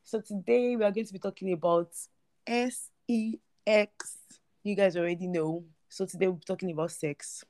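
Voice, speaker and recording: Young woman, podcast co-host, croaky gravelly morning voice, low and dark, dry close sound. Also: fairly even intonation, fast talker, hardly any pauses, no echo. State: croaky, just woken. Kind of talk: casual chat.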